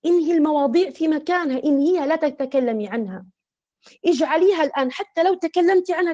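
A woman's voice: sits high, darkish tone, lo-fi sound. A woman giving an earnest religious talk to women, counselling them with repeated, imploring appeals.

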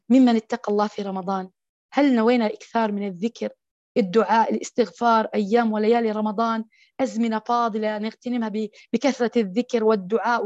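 A woman's voice: a little high, a little mellow, no room sound. A woman preaching an impassioned Ramadan sermon to other women, rising to emphatic peaks. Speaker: religious preacher. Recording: dull, dry close recording.

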